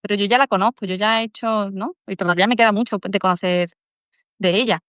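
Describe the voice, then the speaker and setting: A woman's voice: medium pitch, steady tone, quick pace, a bit bright, no room sound. A woman with an Andalusian accent, a podcast guest talking in an earnest, reflective way and sometimes acting out her inner dialogue. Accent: Andalusian Spanish. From Málaga, Spain. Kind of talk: casual interview chat.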